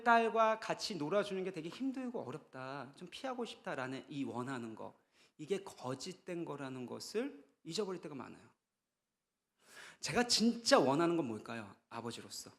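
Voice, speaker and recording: A man in his thirties, a pastor, giving a conversational sermon at a church retreat, rising into emphatic bursts. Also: fairly high pitch.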